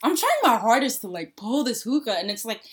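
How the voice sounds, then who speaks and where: A woman's voice: a little high, a little fast. A young woman co-hosting a podcast, telling a funny story in casual chat and acting out the quotes. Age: young adult. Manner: animated, acts out quotes. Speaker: podcast co-host.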